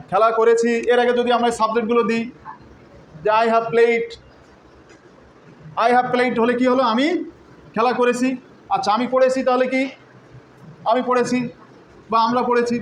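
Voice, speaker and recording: A man's voice: very high voice, a little hiss or hum. A man teaching English grammar to a class, quizzing students with repeated call-and-response questions. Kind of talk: classroom lesson. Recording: echoey classroom, faint ambience.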